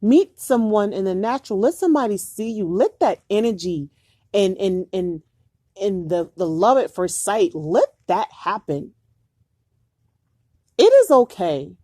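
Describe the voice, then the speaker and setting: Woman vlogger, earnest, urgent, repeats herself, dry sound, mid pitch. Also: very animated, measured pace, mellow, no room sound. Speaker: vlogger giving dating advice. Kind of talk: earnest direct-to-camera talk.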